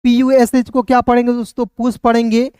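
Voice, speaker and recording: A man's voice: extremely high pitch, monotone, a little fast, a little mellow, clean tone, dry recording, clean studio sound. A man teaching English pronunciation online, asking questions and answering them himself and calling viewers brother and friends. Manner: repetitive, asks and answers his own questions, addresses viewers as brother and friends. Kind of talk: online spoken-English lesson.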